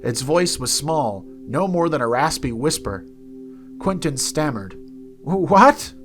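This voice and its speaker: A man reading a fantasy story aloud as narrator, in an expressive, soft-spoken way. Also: mid-range voice, a little slow, faint music behind. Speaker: narrator and game company host.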